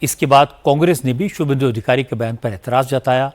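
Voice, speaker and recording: A man anchoring a news report, narrating crisply and with emphasis. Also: mid-range voice, a little fast.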